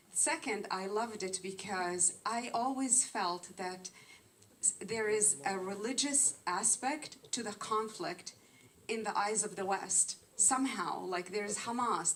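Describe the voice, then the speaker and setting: A woman's voice: mid-range voice, recorded from a distance, a little hiss or hum. A woman in her forties from Palestine, commenting earnestly from the audience at a film screening. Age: 40s. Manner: earnest, impassioned. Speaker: audience member. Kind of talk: question from the audience. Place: screening hall.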